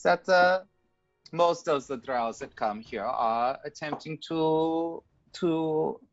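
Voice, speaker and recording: A man voicing a vain, hospitable female crystal dragon in a tabletop game, with halting, oddly phrased speech. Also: a little high, dull audio, soft background music, pitched above the performer's own voice. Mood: puzzled. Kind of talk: tabletop game role-play.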